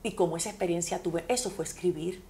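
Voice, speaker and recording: A woman's voice: fairly low pitch, quick pace, warm tone, a little hiss or hum. Puerto Rican woman author telling stories. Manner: vivid, heartfelt personal storytelling. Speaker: author being interviewed. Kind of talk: conversational interview storytelling.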